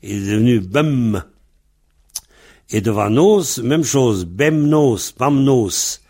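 A man from Brittany teaching a Breton language lesson, spelling words out letter by letter in a deliberate way. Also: medium pitch, lively intonation, dark tone.

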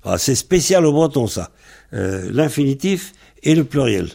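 A man gives a methodical language lesson at an unhurried pace. His voice has a gravelly, fry-tinged texture. He works patiently through each word, spelling it out one letter at a time. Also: mid-range voice, very animated, mellow. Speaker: Breton language teacher.

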